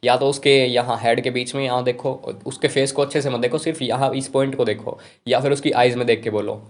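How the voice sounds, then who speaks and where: Fast-talking young man giving advice. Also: medium pitch, flat delivery. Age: young adult. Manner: rapid, conversational, informal. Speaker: self-improvement YouTuber. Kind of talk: casual advice talk to camera.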